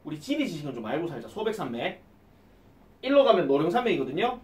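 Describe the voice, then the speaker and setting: A male English teacher, giving an exam-prep lecture and quizzing his students with quick questions. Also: on the high side, sing-song, a little mellow, echoey room, far from the mic.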